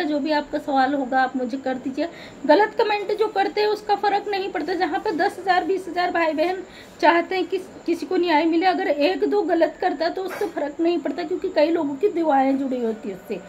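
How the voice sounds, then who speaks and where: A woman's voice: very high-pitched, fairly quick, darkish tone, slight background noise. A middle-aged woman vlogger making an earnest, preachy appeal straight to her viewers, pleading and scolding by turns. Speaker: social media vlogger. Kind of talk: earnest direct-to-camera appeal.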